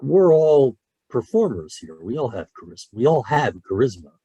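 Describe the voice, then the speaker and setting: A guest voice actor chats on a podcast over a call in a mid-range voice at normal speed, with a breathy edge. The recording is muffled but has no room sound. He is animated and passionate about storytelling, often restarting what he says.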